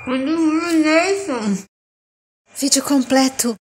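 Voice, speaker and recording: A middle-aged Brazilian vlogger speaks in a high-pitched, very slow voice, with slight background noise. She chats playfully to her phone camera in a home kitchen, narrating her food and inventing cute diminutive words in casual vlog style.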